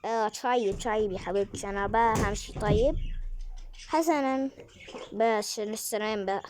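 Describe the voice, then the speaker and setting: A woman's voice: medium pitch, background noise, close to an everyday voice. A woman voicing a chatty, motherly Egyptian neighbor in a game role-play skit, speaking with an Egyptian Arabic accent. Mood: fussy. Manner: fast, fussy and motherly chatter.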